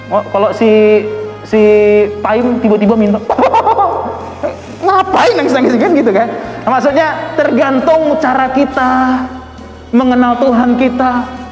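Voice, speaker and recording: A man with a very high voice preaches in a lively, chatty way. His words ring out in a big hall with a long echo. Soft music plays faintly behind him. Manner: lively, conversational preaching with playful imitations. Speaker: pastor. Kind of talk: sermon.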